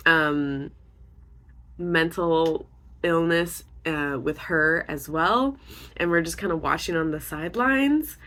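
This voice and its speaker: A young woman with a slightly low voice talks through a book she is reading, full of "like" and "um". She rambles in a loose, casual way and slips into quick acted quotes of the characters. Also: sharp tone. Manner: rambling, lots of likes and ums. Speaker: vlogger.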